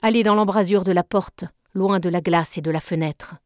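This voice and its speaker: A woman reading aloud and voicing a cruel, spoiled rich boy who bullies his orphaned cousin, in a scornful, shouting tone. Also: lowish voice, moderate pace, no echo, clean studio sound, lightly acted. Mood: scornful tirade.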